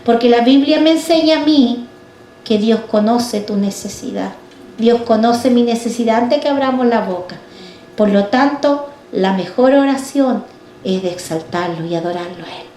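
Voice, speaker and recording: A woman delivers a fervent sermon in a high, ringing voice. She keeps turning to the congregation with questions. Her voice bounces around a roomy church hall. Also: moderate pace, dark tone, a little hiss or hum. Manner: fervent, addresses the congregation directly with rhetorical questions. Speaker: preacher.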